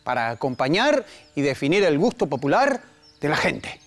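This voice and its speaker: Argentine guy narrating a school lesson, highish voice, very lively. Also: normal speed. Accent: Argentine Spanish. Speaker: presenter in an educational program. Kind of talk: scripted educational narration.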